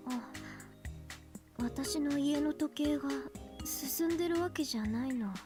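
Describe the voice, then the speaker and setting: A woman's voice: sits high, a little fast, natural voice. A woman voicing a proud teenage girl magus who has fallen ill, curt at first and then faint and drowsy in a visual novel. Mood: strained. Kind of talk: Japanese game voice acting. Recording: game audio with clear music behind.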